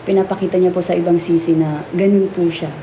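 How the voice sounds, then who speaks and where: Woman, soft dark tone, polite n measured, roomy echo. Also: lowish voice, steady tone. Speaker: reality show housemate. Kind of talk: nomination confessional. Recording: echoey room, faint noise.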